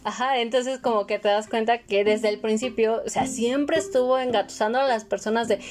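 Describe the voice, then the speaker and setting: A woman's voice: fairly high pitch, fairly even intonation, a little fast, darkish tone. A woman casually retelling a film's plot in a talk, using many fillers along the way. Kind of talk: casual film discussion.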